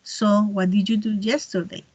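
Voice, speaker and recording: A woman teacher reading a friendly adult man's lines from a comic strip slowly, in her own voice. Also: mid-range voice, level tone, darkish tone, slightly rough, no echo, muffled recording. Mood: asking.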